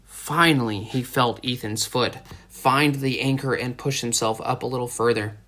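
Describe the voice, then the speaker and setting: A man's voice: medium pitch, steady tone, normal speed, a bit bright. Man narrating a dramatic audiobook. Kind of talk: scripted narration.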